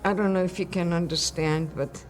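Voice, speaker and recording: An older woman from Belgium giving recorded testimony as a Holocaust survivor, speaking haltingly and searching for words. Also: lowish voice, fairly even intonation, soft background music. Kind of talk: archival testimony interview.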